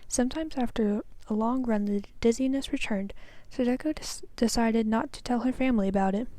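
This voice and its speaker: Soft-voiced young woman reading a storybook. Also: on the high side, brisk, no echo. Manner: careful, soft reading with small slips. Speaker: student reader. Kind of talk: reading a children's novel aloud.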